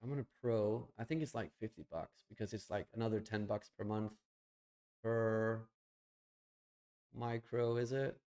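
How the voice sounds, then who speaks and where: A man's voice: mid-range voice, vocal fry, dark tone. A young man streaming live, chatting bluntly with some swearing while he thinks aloud and clicks through his screens. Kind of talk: casual live stream chat.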